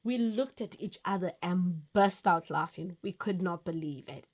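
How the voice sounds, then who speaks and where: A woman in her fifties telling her own story as host, earnest and reflective, with lively emphasis. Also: lowish voice, measured pace. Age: 50s. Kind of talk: personal storytelling monologue.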